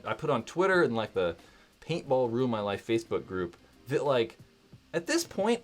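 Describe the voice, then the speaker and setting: A man hosting a casual livestream from home, rambling and candid, filling his talk with "like" and "right?" and swearing now and then. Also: medium pitch. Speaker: livestream host.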